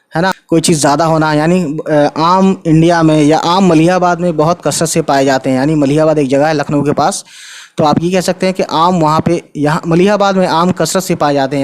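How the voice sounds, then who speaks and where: A man teaching an online Urdu writing lesson, spelling words slowly letter by letter and checking in with the viewers often. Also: on the high side, a little mellow. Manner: spells out letters slowly, tags lines with "ठीक है" and "guys". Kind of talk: casual spoken lesson.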